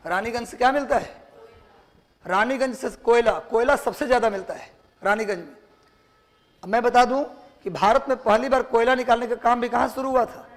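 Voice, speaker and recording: A man teaching a lecture class with a Bihari Hindi accent, firing questions at students and repeating the answers slowly for dictation. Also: extremely high pitch.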